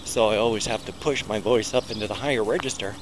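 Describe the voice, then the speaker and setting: A middle-aged American vlogger with a lowish voice talks fast as he walks through a small town next to a busy road, rambling and joking at his own expense. He holds a small recorder close to his mouth, and loud passing traffic fills the outdoor recording.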